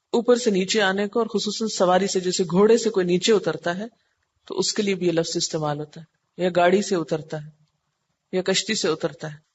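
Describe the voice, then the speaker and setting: Woman teaching scripture word by word. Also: medium pitch. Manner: asks the class rhetorical questions and answers them; patient, explanatory teaching tone. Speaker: Quran teacher. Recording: dull lo-fi with faint hiss.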